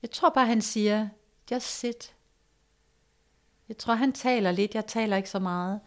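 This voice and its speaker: A woman calmly telling a personal story in a casual conversation, reflective and hesitant, with fillers and soft, hushed stretches. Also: medium pitch. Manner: reflective, hesitant with fillers, drops to soft near-whisper at moments.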